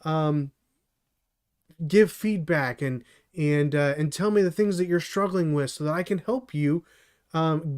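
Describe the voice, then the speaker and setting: Middle-aged male host, slightly high voice, earnest rambling mentor talk, dry throat. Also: a little mellow. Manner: earnest and rambling, many restarts and fillers. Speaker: channel host and developer mentor. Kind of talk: solo live stream talk.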